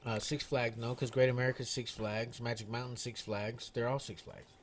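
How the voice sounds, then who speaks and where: A man's voice: mid-range voice, little pitch movement, normal speed, slight background noise. A man co-hosting a casual podcast, telling rambling, profane stories and laughing between lines. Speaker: podcast co-host. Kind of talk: casual chat.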